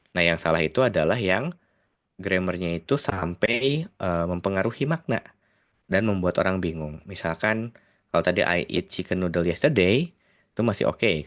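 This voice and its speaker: Very low-voiced man with a Sundanese accent. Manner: chatty, explains with many tag words and hesitations; mixes English phrases into his talk. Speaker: IELTS tutor. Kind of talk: casual video lesson.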